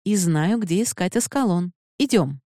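A woman voicing a gentle young noblewoman who speaks softly and pleadingly. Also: on the low side, lively intonation, normal speed, dry recording, studio quality, natural voice. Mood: determined. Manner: soft, pleading.

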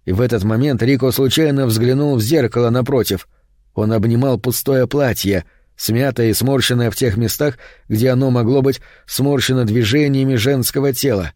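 Dark-voiced male horror narrator. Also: mid-range voice, no room sound, clean studio sound. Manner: steady, measured storytelling. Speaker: audiobook narrator.

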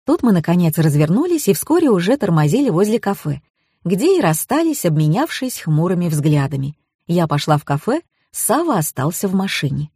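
A woman narrates a first-person audiobook with lively, ironic storytelling. Her voice is husky and mid-pitched, recorded dry and close with no room sound. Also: a little fast, no room sound.

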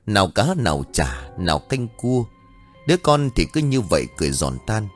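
A man's voice: on the low side, very animated, moderate pace, soft background music. A man reading a horror story aloud as an audiobook narrator, telling it in a dramatic way.

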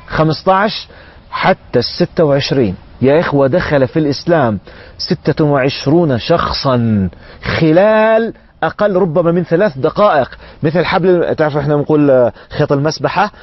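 A man's voice: on the high side, no echo. A man preaching in a storytelling sermon, acting out the people he quotes. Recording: dull lo-fi radio recording.

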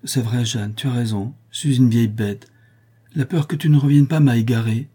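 Narrator doing a gentle anxious older woman, husky dark voice, audiobook. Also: mid-range voice, fairly even intonation, moderate pace, voice pushed up, close to an everyday voice. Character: timid, loving older woman.

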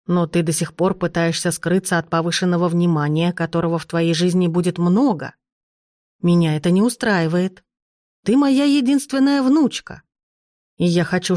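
A woman's voice: on the low side, darkish tone, no echo, lightly acted. Woman reading as a commanding old duchess. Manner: commanding, dry. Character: imperious old duchess grandmother, sharp-tongued. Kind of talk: audiobook character reading.

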